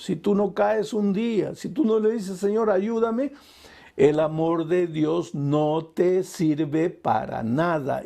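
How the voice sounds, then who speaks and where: An older man preaches with a gravelly, somewhat high voice that has a dark, mellow color. He pleads with the listener in an impassioned way, rising to loud calls and then dropping to soft, tender words. He keeps addressing the listener as "dear.". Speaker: pastor. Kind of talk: evangelistic sermon.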